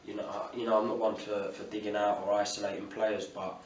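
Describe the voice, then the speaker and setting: Male football manager, south-east English British accent, low matey voice, interviewed on a distant mic. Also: flat delivery, fairly quick, highs cut off. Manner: colloquial, matey, with frequent "you know". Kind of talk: post-match interview. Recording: roomy, distant mic, faint ambient noise.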